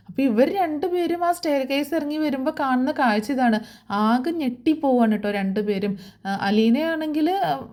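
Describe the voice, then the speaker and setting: A woman's voice: fairly high pitch, warm tone. A woman narrating a casual spoken recap of a TV serial, chatty, with many fillers and tag questions.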